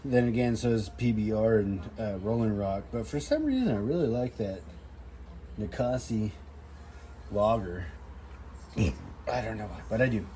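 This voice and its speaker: Tipsy guy w a lowish voice, rambling while he does camp stuff, swears a bit, noisy background. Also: sing-song, normal speed, pauses often. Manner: self-deprecating, salty-tongued; tipsy, loose drinking talk. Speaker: outdoor vlogger demonstrating fire starting. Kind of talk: casual rambling chat while doing a task.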